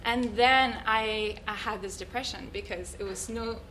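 A woman's voice: mid-range voice, fairly even intonation, measured pace, sharp tone, a little hiss or hum, low-quality recording. A woman, a guest on an interview show, earnestly reflecting on her life and now and then searching for words. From Switzerland. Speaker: guest, yoga teacher. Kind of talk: reflective personal storytelling.

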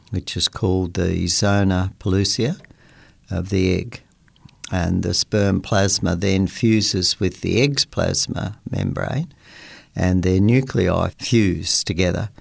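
An older man hosting a science-and-faith program, talking slowly and haltingly with many fillers and restarts. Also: low-pitched, creaky, dry recording. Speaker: radio host. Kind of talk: unscripted talk about science and faith.

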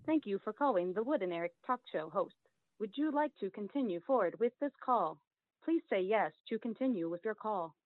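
Give me a dry, tinny robot phone-menu voice from a woman doing the impression, flat and formal. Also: mid-range voice, a little fast, no room sound, close to an everyday voice. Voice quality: flat, formal, clipped announcer prompts. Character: female automated phone-system robot voice, formal. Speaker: caller.

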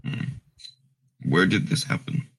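A man's voice: slow pace, a bit bright. A man playing a tabletop game, asking polite, curious questions. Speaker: player.

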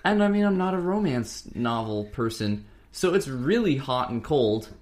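A man's voice: medium pitch, very animated, normal speed, a little mellow. A young man co-hosting a podcast, chatting casually and rambling a bit. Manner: rambling, fake-ad delivery at times. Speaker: podcast co-host. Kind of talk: casual chat.

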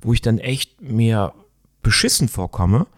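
A middle-aged man talking reflectively in a conversation, searching for words and often pausing with fillers. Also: lowish voice, sing-song, dry recording, clean studio sound. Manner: thoughtful, searching, with many fillers.

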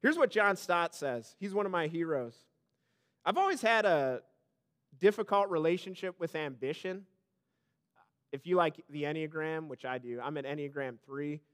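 A male pastor preaching a sermon, swinging between loud bursts and hushed low lines, calling out to the congregation and tossing in playful asides. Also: smooth. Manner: calls out to the congregation for response.

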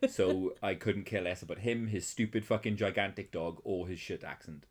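A man in casual film chat, sardonic and full of swearing, with bursts of animated outrage. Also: sits low, moderate pace, husky.

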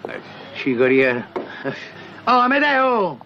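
An actor playing a loud, bossy football-fan father who organizes the bar's supporters, talking with a Roman accent in hectoring rhetorical questions. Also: high voice, sing-song, slow, slight background noise, heavily acted. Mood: blustering. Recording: dull lo-fi film soundtrack.

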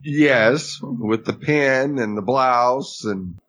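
A man's voice: medium pitch, extremely slow, fairly bright tone, a little hiss or hum. A man co-hosting a podcast, recapping a TV episode in easygoing casual chat and laughing along often. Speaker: podcast co-host.

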